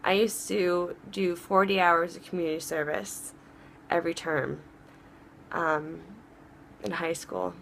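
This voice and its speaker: A woman hosting a casual advice vlog, chatty and rambling, often restarting her sentences, and warm and encouraging toward her viewers. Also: lowish voice, fairly even intonation, a little slow, vocal fry, pauses often, a little hiss or hum. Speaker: vlog host.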